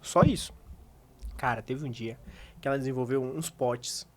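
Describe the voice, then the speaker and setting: A man's voice: medium pitch, normal speed. A man hosting a podcast in casual chat, telling a story and laughing along. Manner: chatty, laughs along, uneven pace. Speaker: podcast host.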